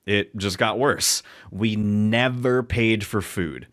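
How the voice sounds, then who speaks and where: Co-host: easygoing New York guy with a lowish voice, reads stories and riffs, jokey, trips over words. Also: takes it slowly, a bit bright. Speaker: podcast co-host. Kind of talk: casual chat, reading stories aloud.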